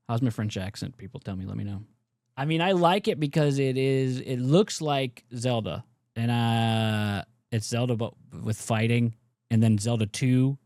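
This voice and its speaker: A man's voice: mid-range voice, a little mellow, no echo, clean studio sound. A man giving loose, rambling gameplay commentary as a gaming YouTuber, swearing freely as he plays.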